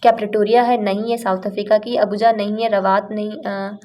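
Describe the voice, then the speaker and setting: A woman's voice: mid-range voice, flat delivery, a little fast, mellow. A young woman teaching exam facts in a casual, chatty way, using playful memory tricks. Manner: chatty, explains with playful rhymes and acted-out lines.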